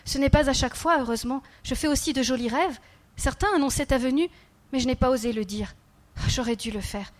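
Woman doing a gentle otherworldly little boy. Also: high voice, a little fast, pitched above the performer's own voice, close to an everyday voice. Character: small otherworldly boy child, calm and gentle.

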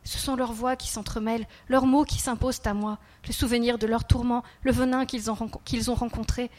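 Woman doing a gentle otherworldly little boy. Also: a little high, little pitch movement, a little fast, lightly acted. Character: small otherworldly boy child, calm and gentle.

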